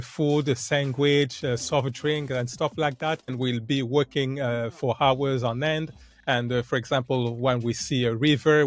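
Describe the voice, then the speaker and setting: Congolese guy on a podcast, earnest, lots of uh and basically, mid voice, faint music behind. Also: mid-range voice. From Democratic Republic of Congo. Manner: frequent "uh" and "basically" fillers, earnest. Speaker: guest. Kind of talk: casual interview talk.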